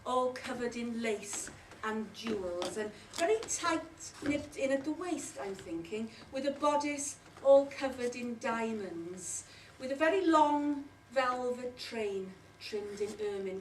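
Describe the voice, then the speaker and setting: Casting: a high, sing-song Welsh schoolmistress, fussy and gushing, heard from afar in an echoing, noisy theatre. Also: female voice, lively intonation, unhurried. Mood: dreamy. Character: fussy, doting village schoolteacher. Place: theatre stage, dress rehearsal. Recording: roomy stage, far from mic, noisy.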